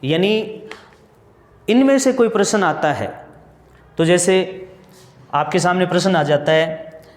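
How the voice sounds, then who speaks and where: A man's voice: high-pitched, expressive, slow pace. A male teacher giving a grammar lesson for exam students, explaining step by step, asking questions and answering them himself, and repeating key points. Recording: echoey room with long reverb.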